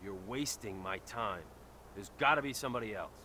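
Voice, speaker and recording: Tough, impatient biker hero in a game, low, hard-edged voice, curt and threatening. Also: male voice, moderate pace, sharp tone, slight background noise. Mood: menacing. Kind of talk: video game dialogue.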